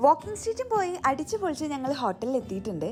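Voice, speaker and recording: A woman's voice: high voice, very animated, racing, loud music behind the voice. A woman narrating a travel vlog in a chatty way, mixing English words into Malayalam. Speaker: travel vlogger. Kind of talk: scripted vlog voice-over narration.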